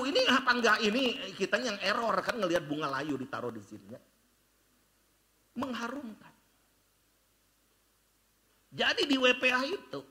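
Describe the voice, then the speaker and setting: Older male preacher, high-pitched and very animated, storytelling sermon delivery. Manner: switches between loud bursts and hushed low passages; mixes in English phrases, storytelling. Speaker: pastor.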